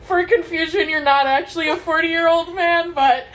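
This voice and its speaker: High-voiced woman, blunt and sweary. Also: fairly even intonation, normal speed, fairly bright tone, poor audio. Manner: blunt, swears freely, laughs often. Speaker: podcast co-host. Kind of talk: casual chat.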